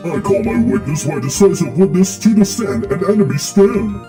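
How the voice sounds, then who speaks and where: A woman's voice: fairly low pitch, very animated, normal speed, warm tone. Woman acting an imperious, impatient male prosecutor. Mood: formal, demanding. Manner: imperious, clipped declarations. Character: arrogant, domineering male prosecutor, curt and impatient. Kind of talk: video game character voice. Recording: music behind the voice.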